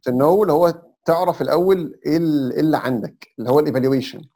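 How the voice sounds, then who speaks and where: Young Egyptian guest, Egyptian Arabic accent, gravelly and husky, explains things in a quick step-by-step chat. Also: male voice, fairly high pitch, mellow. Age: young adult. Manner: explains step by step, sprinkles English terms. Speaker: podcast guest. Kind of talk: casual advice chat.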